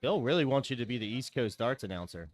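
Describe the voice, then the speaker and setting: A man's voice: mid-range voice, lively intonation, quick pace. A man giving casual, teasing live commentary on darts in colloquial, conversational language.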